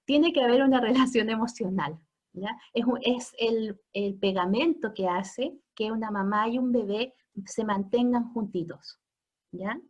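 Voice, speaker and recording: A woman's voice: fairly high pitch, a little slow, darkish tone, highs cut off. A middle-aged woman teaching an informal class, chatty, often checking in with listeners and laughing. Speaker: family constellations teacher. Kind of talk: informal online class lecture.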